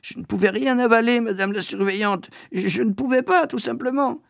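A young schoolboy whimpers and pleads in a very high, strained voice. The tone is theatrical and whiny. The sound is dry and close. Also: male voice, a little fast, gravelly, dry recording. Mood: whimpering. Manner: whimpering, wailing.

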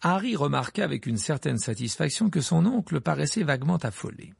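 A man reading an audiobook in expressive scripted narration. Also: on the high side, a little fast, vocal fry, slightly rough, no room sound, studio quality.

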